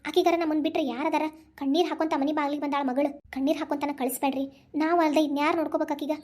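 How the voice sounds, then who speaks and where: A woman's voice: high voice, level tone, rapid-fire, darkish tone, close to an everyday voice. A woman voicing a worried, pleading mother. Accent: North Karnataka Kannada. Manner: anxious, pleading. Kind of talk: cartoon voice acting.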